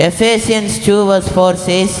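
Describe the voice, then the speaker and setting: Slow, high-voiced male preacher. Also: level tone. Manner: slow, measured phrasing, pausing for translation. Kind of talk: sermon delivered line by line for an interpreter. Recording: echoey hall with loud worship music.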